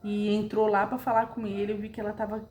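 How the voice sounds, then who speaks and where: A woman's voice: medium pitch, completely flat delivery, quick pace, a little mellow, roomy sound, a little hiss or hum. A woman with a Brazilian Portuguese accent telling a personal story in a chatty way, talking straight to her listeners. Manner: chatty, addresses listeners directly, retells quoted dialogue. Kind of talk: casual storytelling.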